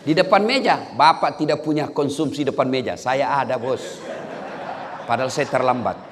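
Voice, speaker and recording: A man giving a humorous Islamic sermon in a hall, joking with his audience and shouting his punchlines. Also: mid-range voice, moderate pace. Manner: lively joking delivery with loud punchlines. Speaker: Islamic preacher. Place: large hall before an audience. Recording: long hall reverb.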